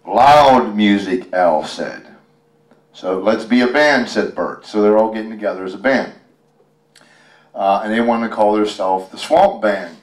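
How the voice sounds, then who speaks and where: This fairly low-pitched, measured American man hails from Western Pennsylvania and is reading a picture book aloud during a relaxed storytime, full of jokes and folksy asides. It's a live event in a library room. Because a helper holds the handheld mic away from him, the audio is roomy and distant.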